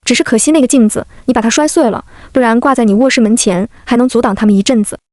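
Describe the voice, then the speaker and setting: An old man's ghost who talks with urgent, fond concern, as a woman narrator voices him. The voice sits fairly high and moves along briskly, close and dry. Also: darkish tone, dry recording, close to an everyday voice. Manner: urgent, protective, scolding fondly. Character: gruff old man ghost, kindly and worried.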